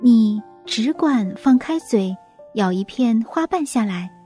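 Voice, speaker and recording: Woman doing a brave little flower, soft and earnest. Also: a little high, lively intonation, slow, faint music behind. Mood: determined. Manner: earnest, pleading. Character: brave, gentle young female flower.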